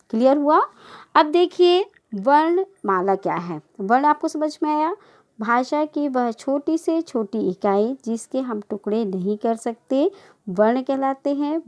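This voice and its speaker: A woman teacher with a slightly high voice explains a grammar lesson to a class. She goes over each definition more than once and keeps asking whether it is clear. When she lists the vowel sounds, she stretches each one out slowly. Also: darkish tone. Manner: patient, repeats definitions, checks understanding. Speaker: school Hindi teacher.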